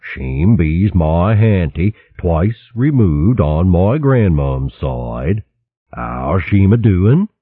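A man voicing a stout, cheerful, dapper male mole cook who speaks a thick rustic dialect, slow and drawling. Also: low-pitched, lively intonation, no room sound, exaggerated voice. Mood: curious. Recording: thin phone-like dry sound.

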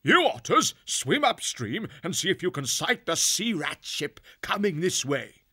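A man voicing a strong, calm male warrior beast who steadily lays out plans and gives orders, in a husky voice. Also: a little high, a little slow, pitched above the performer's own voice, full character voice. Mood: commanding. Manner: steady, commanding, laying out plans.

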